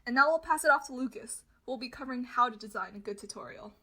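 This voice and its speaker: Casting: female lecturer with a high voice, instructional and addressing listeners in prepared phrases. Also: quick pace, a bit bright.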